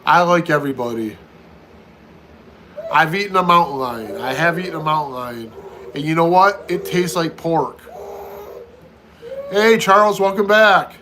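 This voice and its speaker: A man's voice: fairly high pitch, a little slow, pauses often, pushed and bright, slight background noise, poor audio. An American man in his fifties chatting casually on a live stream, answering viewer questions one after another and often repeating himself. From United States. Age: 50s. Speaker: livestream host.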